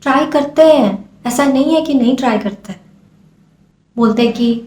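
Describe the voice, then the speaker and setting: A woman's voice: sits high, normal speed, darkish tone, reverberant. A young woman from India speaking earnestly and emotionally to camera, pleading at times as she vlogs. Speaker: vlogger. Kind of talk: impassioned talk to camera.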